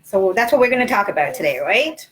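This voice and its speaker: A woman's voice: medium pitch, big pitch swings, fast talker, a bit bright. A woman from Sri Lanka, a mother in her thirties, patiently quizzing her young children in a casual home livestream lesson. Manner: patient, asks kids questions. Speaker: parent hosting a livestream lesson. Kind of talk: casual teaching chat with children. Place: small city apartment.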